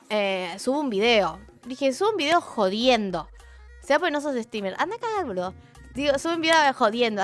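Slangy Argentine young woman streaming. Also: fairly high pitch. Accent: Argentine Spanish. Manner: rambling, joking and self-deprecating, slangy. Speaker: livestreamer. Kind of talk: casual live-stream chat. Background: faint music.

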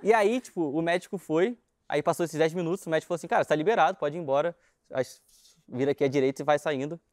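A man's voice: a little high, very fast, a little mellow. A young man from Brazil with a Rio de Janeiro accent, a guest telling a story in casual, slangy chat and laughing as he goes. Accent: Rio de Janeiro Portuguese. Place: TV studio.

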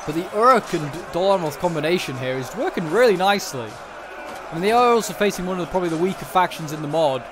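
Higher-voiced man commentating over game noise. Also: animated, fast talker. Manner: musing, thinking aloud. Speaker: gaming commentator. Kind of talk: casual strategy game battle commentary. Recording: noticeable background noise, game ambience. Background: video game battle ambience.

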